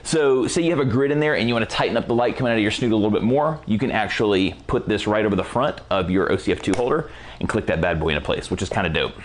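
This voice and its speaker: A man teaching a casual photography lighting tutorial in a relaxed, slangy, enthusiastic way while he is losing his voice. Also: on the low side, very fast. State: losing his voice, clearing throat. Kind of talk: casual product walkthrough tutorial.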